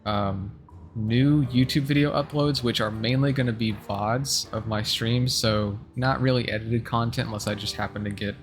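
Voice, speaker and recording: A man giving casual announcements as a live streamer, rambling a little and restarting his sentences to correct himself. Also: lowish voice. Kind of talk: casual livestream announcements to viewers.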